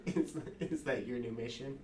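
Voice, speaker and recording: A man narrating as game master in casual banter, laughing often and tossing in quick asides. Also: mid-range voice, a little mellow.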